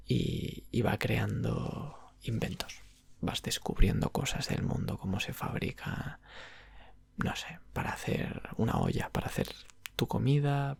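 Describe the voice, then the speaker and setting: A man with a Spanish (Spain) accent does an ASMR roleplay as a video game shop clerk, chatting softly and casually about games in an unhurried, rambling way. His lowish voice is breathy, creaky and half-whispered, with no echo.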